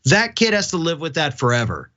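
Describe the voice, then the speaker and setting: Male co-host, middle-aged, forceful and disapproving, bright voice on slightly lo-fi audio. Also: fairly high pitch, huge pitch swings, fairly quick. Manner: emphatic, disapproving. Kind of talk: opinionated conversational commentary.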